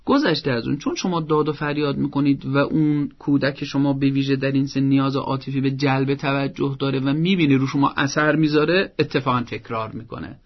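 A man with a gravelly, creaky voice gives parenting advice on a broadcast talk program. He lays out his points one by one in a firm, teacherly manner. The sound is dull and lo-fi. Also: mid-range voice, fairly even intonation, hardly any pauses. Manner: firm, didactic, explains step by step. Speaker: parenting advisor.

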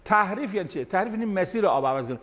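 A man's voice: high voice, expressive, fairly bright tone. A man near seventy giving a sermon-style lecture as a cleric, explaining verses line by line in plain talk. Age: late 60s. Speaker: cleric speaking to an audience of managers.

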